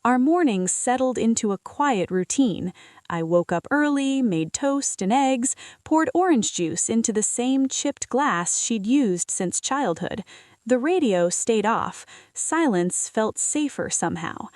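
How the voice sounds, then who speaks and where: A woman's voice: on the high side, animated, measured pace, a little mellow, no room sound, studio quality. A woman narrating a scripted, emotional first-person story as a storyteller.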